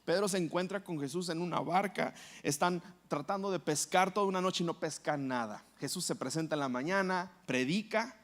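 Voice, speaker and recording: High-voiced pastor preaching. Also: male voice, normal speed, few pauses, a bit bright. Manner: storytelling, acting out quoted lines. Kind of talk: sermon.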